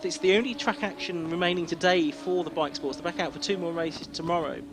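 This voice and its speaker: A man's voice: on the high side, brisk, over music. A man working as a motorsport commentator, calling a race live with descriptive play-by-play. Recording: noisy trackside outdoor sound, engines behind.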